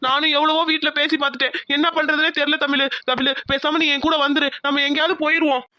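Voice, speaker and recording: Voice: sits high, flat delivery, fast, bright, forceful tone, no echo. A performer voicing a troubled young village man in a cartoon, hesitant and then reassuring. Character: young village man torn between love and family. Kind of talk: cartoon voice acting.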